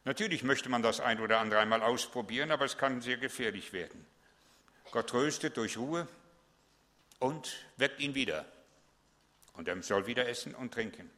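A man's voice: mid-range voice, normal speed, pauses often, pushed and bright, in a large hall. Emphatic male pastor preaching in a church. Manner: emphatic, with repeated words and rhetorical questions. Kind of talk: sermon.

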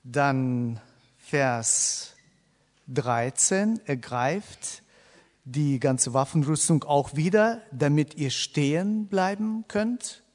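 A man preaching a sermon to a congregation, halting, with many fillers and restarts, and putting questions to the listeners. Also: on the high side, lively intonation, a little mellow. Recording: long hall reverb.

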